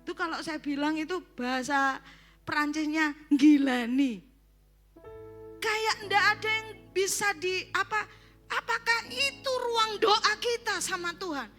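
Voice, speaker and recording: Woman pastor, bright forceful sermon voice, conversational with humor. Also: extremely high pitch, measured pace, faint music behind. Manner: conversational preaching with joking asides. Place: church service.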